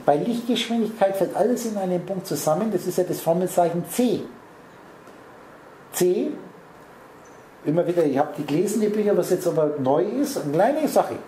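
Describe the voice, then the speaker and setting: A man's voice: sits high, lively intonation, moderate pace, mellow, echoey room, a little hiss or hum, rough recording. A man giving a spiritual lecture, rambling and speaking straight to his listeners with lots of wordplay. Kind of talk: spiritual lecture to a small audience. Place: lecture room.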